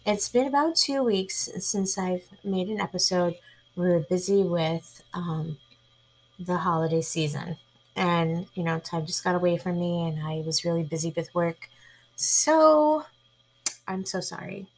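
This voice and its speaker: A woman hosting a casual chat podcast, talking chattily and with animation, sometimes dropping into hushed whispered asides. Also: lowish voice, a little slow, rough recording. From New York. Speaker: podcast host.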